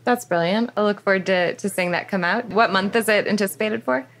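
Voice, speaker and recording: A woman's voice: medium pitch, a little fast, fairly bright tone. A woman hosting a podcast interview, welcoming her guests and asking friendly, encouraging questions. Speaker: podcast host.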